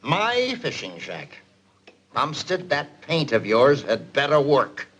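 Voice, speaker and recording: An actor playing an excitable middle-aged businessman boss in a 1940s film, blustering and theatrical. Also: medium pitch, slow pace. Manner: blustering, theatrical, swings from loud to hushed. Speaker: company boss. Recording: old film soundtrack with faint hiss.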